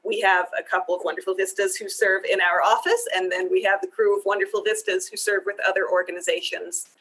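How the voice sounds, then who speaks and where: A woman's voice: medium pitch, steady tone, quick pace, a bit bright, poor audio. A middle-aged woman from Wyoming, a program supervisor, answering interview questions in an upbeat, chatty way and laughing easily. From United States (Wyoming).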